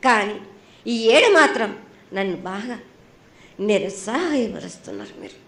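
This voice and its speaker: This oracle, a woman with a Telangana accent, gives the annual festival prophecy in an animated, fairly bright mid-range voice at normal speed, recorded with a roomy sound. In her prophetic trance she sternly admonishes through short phrases said over and over.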